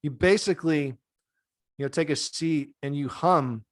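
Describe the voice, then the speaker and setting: Co-hosting a podcast via video call, a yoga teacher in his thirties chats casually from a dim room at home through a desk mic. His fairly high voice moves at a moderate pace, relaxed, calming and playful, with clean studio sound and no echo.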